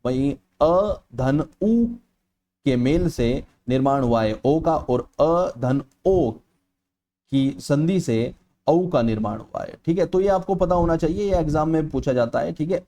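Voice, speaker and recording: A man's voice: on the high side, dark tone. A male teacher giving an exam-prep lecture in an explanatory manner, often checking in with "okay" and stretching out vowels aloud to show how they sound. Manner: explanatory, repeats "ठीक है" often.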